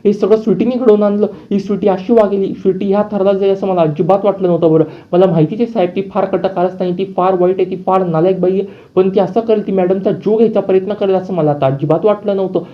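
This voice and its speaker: A man's voice: high-pitched, steady tone, fast talker, few pauses, dull audio, pitched above the performer's own voice, natural voice. Man doing Shubbu, an outraged loyal servant. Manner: indignant, scolding. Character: angry loyal young male servant.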